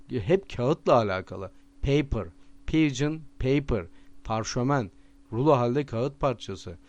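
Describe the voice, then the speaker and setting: Man, Turkish accent, vocabulary teacher, slow emphatic repetition, mid-pitched voice. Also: darkish tone. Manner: repeats each word slowly and stresses it. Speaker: language teacher. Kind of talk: vocabulary lesson with memory tricks.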